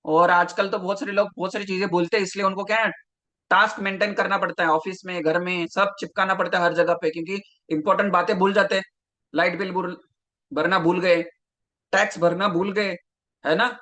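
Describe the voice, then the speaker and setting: Bright, high-voiced male coach. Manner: lively, talks straight to viewers, reads out their names from the chat. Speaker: health coach. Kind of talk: live online masterclass.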